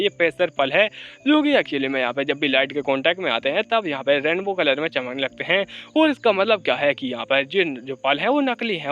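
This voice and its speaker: A man racing through a comic-book recap in a loose, chatty narrator's voice, his pitch sitting a little high. He keeps repeating the same filler words and slips into the characters' lines. The voice-over sounds slightly muffled and lo-fi. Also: fairly bright tone. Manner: casual, repeats fillers, quotes characters lightly. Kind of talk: fast scripted story narration.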